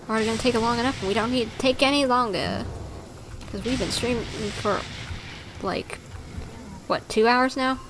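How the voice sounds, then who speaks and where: A woman streamer gives casual, chatty live commentary on a game, reacting aloud as she plays. Her voice sits on the high side, a little slow with frequent pauses, and game ambience and some noise can be heard behind her.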